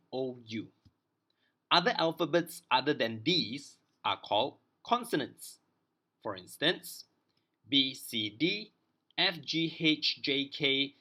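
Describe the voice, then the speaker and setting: A male teacher walks learners through spelling rules at a very unhurried pace. His voice is bright and forward, and he says each example word deliberately, often twice, spelling out letters one at a time. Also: mid-range voice. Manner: spells out letters and repeats words slowly for learners. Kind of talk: slow explanatory grammar lesson.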